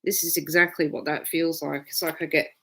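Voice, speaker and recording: A woman's voice: low-pitched, flat delivery, brisk, creaky, pushed and bright, husky. Chatty, sweary woman astrologer. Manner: chatty, swears freely, reads viewer comments aloud. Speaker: astrologer hosting a live stream. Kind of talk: casual live-stream chat.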